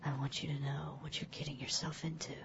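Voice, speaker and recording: A man voicing a seductive, teasing woman in her late thirties, in a breathy whisper. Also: on the high side, level tone, a little fast, noisy background, pitched above the performer's own voice. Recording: dull, echoey, with soft music.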